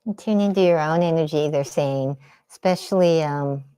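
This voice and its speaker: A Bay Area woman paints in her home art studio under daylight lamps, casually chatting on a livestream and moving back and forth between her painting and viewers' comments. The spiritual artist's voice sits low and sounds mellow and clean, at a moderate pace.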